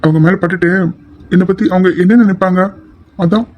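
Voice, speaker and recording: A woman lowers her voice to play an anxious young man in a homemade audio drama. He keeps pleading and apologizing, his tone deeper than a woman's usual speech. The delivery stays plain and even. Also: fairly quick, muffled recording, lightly acted. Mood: worried.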